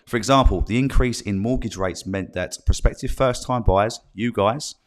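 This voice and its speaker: Low-voiced Essex man. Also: moderate pace. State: slight cold in the voice. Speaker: live stream host, property agent. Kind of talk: informal live news bulletin with chat to viewers.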